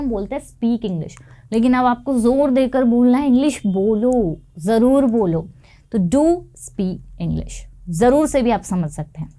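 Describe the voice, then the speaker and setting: A young woman teaching an online language lesson. She explains the rules step by step and says each example sentence slowly and deliberately. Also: a little high, a little mellow. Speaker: English teacher.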